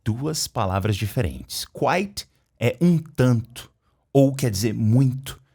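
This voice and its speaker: A man from Brazil runs an English lesson in Portuguese. His pitch swings widely as he talks. He keeps stopping to say English phrases slowly so his learners can copy them. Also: slightly rough. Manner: lively, repeats English phrases slowly to model pronunciation. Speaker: English teacher.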